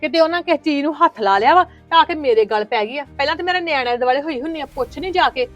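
High, rapid, indignant Punjabi woman. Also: soft background music. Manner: indignant, argumentative, protective of her children. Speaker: married daughter of the house in a family skit. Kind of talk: scripted family drama acting.

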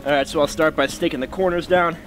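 A man's voice: fairly high pitch, fairly even intonation, fast talker, over music. A young man in his twenties hosting a casual bushcraft tutorial outdoors in snowy woods, explaining with frequent ums. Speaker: bushcraft channel host.

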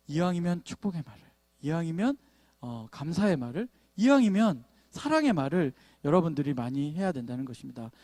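Animated man preaching a sermon. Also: fairly high pitch, no echo, clean studio sound. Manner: animated storytelling with playful asides to the congregation. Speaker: pastor. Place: church sanctuary.

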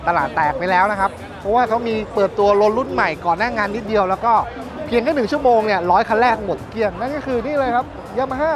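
A man in his thirties presenting bikes at a busy indoor motor show in a lively, chatty way, speaking into a lapel mic. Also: high voice, fast, a crowd in the background. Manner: lively, chatty, points things out. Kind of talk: casual walkaround presentation. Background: music.

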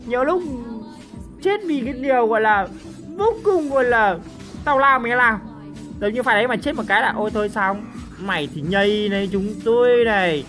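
A man with a very high voice gives excited live commentary while playing a mobile game, with game music in the background. He keeps repeating cries and makes joking boasts to his viewers.

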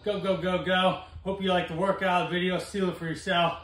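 A man in his thirties, a fitness coach, talking through a workout in an energetic, instructive way in his home barn gym. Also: sits high. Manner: energetic, instructive, brisk cues. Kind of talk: workout vlog narration. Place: large home gym in a barn with metal walls. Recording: echoey barn room.

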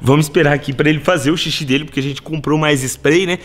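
A man's voice: fairly high pitch, steady tone, fast. A young man with a Brazilian accent vlogging casually, talking in slang to his viewers and his dog. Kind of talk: casual vlog talk. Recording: voice with loud background music.

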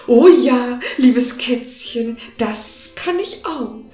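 A woman voicing a haughty male sorcerer in a fairy-tale audiobook, slow and boastful. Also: low-pitched, fairly bright tone, pitched below the performer's own voice, exaggerated voice. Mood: pleased. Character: proud, haughty male sorcerer who shapeshifts. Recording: roomy with faint music behind.

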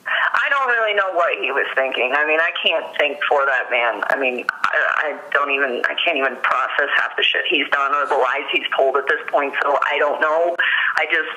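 Hesitant and peppering her speech with "like," an American woman gives her witness account over the phone. Her deep voice comes across bright and forceful at a normal speed, though the telephone recording is thin and rough.

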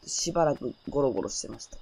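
A woman streaming a game, her throat sore and a little hoarse, muttering to herself and reacting to the gameplay in casual commentary. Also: very deep voice, animated, fast, mellow. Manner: talks to herself, muttering and exclaiming over gameplay.

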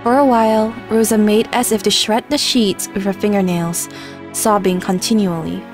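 A woman streamer reading a story game's narration aloud in an earnest voice of middling pitch, breaking off now and then for wry remarks. Faint music plays behind her. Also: steady tone, moderate pace. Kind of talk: reading game text aloud with commentary.

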